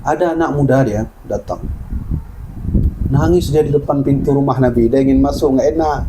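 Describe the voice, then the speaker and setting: A man's voice: mid-range voice, normal speed, noisy background. A man with an Acehnese Indonesian accent preaching a sermon to a women's study group, telling stories and acting out the dialogue in changing voices.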